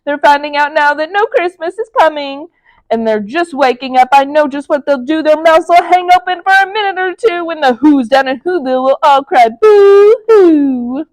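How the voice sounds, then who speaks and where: A woman's voice: sits high, normal speed, dry recording, pitched above the performer's own voice, lightly acted, low-quality recording. A woman voicing a sly, gleefully mean Grinch creature in a theatrical, taunting storybook reading. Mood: mocking. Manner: scheming, theatrical, sing-song taunting. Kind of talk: expressive storybook read-aloud.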